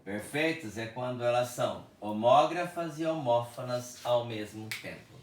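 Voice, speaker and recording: Man, Brazilian accent, teacher explaining a lesson, unhurried and repetitive, mid-pitched, roomy echo, far from the mic. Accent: Brazilian Portuguese. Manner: slow, deliberate, repeats words for emphasis. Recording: echoey room, speaker far from mic.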